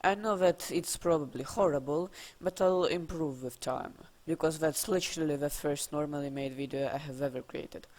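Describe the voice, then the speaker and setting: A person with a Russian accent narrating scripted game trivia for a video, with dry, deadpan, casual asides. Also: mid-range voice, moderate pace, few pauses.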